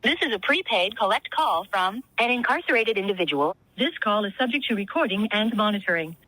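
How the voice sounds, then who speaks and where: An automated woman's voice comes through a payphone line with a crisp, bright edge. It sounds dry and close, reading out a formal system announcement in an even, steady way. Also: mid-range voice, a little fast, dry recording, rough recording. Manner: flat, formal announcer delivery. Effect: heard over a payphone line. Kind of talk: recorded prison phone system message.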